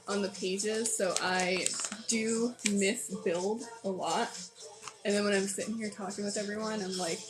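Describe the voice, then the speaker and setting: A woman's voice: mid-range voice, rough recording. A woman with a tired voice chatting casually as she hosts a live building stream, thinking aloud and making fun of her own mistakes. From New Mexico. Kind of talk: casual chat while building. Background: loud music.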